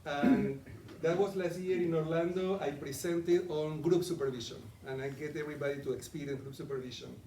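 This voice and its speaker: A middle-aged coaching presenter with an Argentinian accent talks conversationally to a live audience in a meeting room and asks them questions. His voice is on the high side, steady and warm, fairly quick with hardly any pauses, captured far from the mic in an echoey room with slight background noise.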